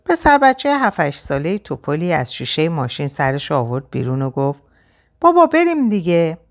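Low-voiced expressive woman storyteller. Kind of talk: first-person storybook narration.

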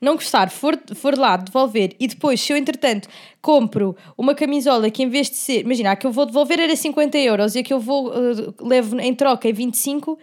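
A young woman speaks European Portuguese-accented, slangy chat in a high voice. She talks quickly as a podcast co-host, dropping in English words. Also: darkish tone. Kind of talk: casual chat.

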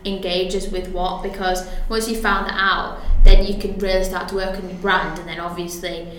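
Talking about wording as a guest on a casual podcast, a woman copywriter is chatty and quick to laugh, piling up fillers and restarts. Her pitch is fairly low, her delivery flat and her tone sharp. It's recorded in a very echoey room with a little hiss or hum.

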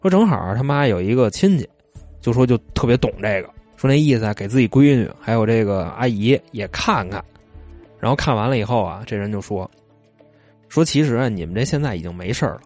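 A man's voice: mid-range voice, expressive, brisk, darkish tone, faint music behind. A man, telling stories in a casual chat, retelling them loosely with asides. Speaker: storyteller.

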